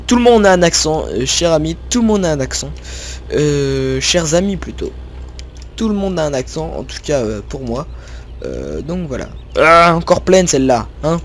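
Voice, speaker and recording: A young gaming video creator from northern France rambles through casual commentary on his own gameplay, talking to his viewers with lots of fillers and self-corrections. His voice is on the high side with big pitch swings at a normal speed, over faint game sounds of tractors and farm ambience.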